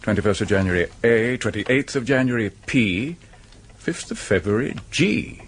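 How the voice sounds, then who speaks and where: An actor playing a dry, steady police chief inspector in a radio drama, with an English accent and a measured, sceptical manner. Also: male voice, fairly low pitch, a little hiss or hum, lightly acted. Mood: dry, puzzled. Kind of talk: BBC radio drama acting.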